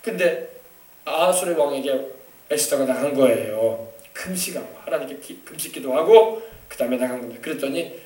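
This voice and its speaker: A man pastor preaching a sermon with emphatic delivery, sometimes shouting and acting out quoted voices. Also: medium pitch, normal speed. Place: church sanctuary. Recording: echoey church, voice from a distance.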